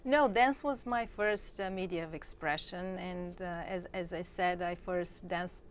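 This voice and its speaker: A woman's voice: lowish voice, unhurried, a little hiss or hum. A woman in her forties from Bulgaria with a Bulgarian accent, answering interview questions earnestly with frequent hesitations, on a lapel mic. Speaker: guest, dance teacher. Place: small studio set, indoors.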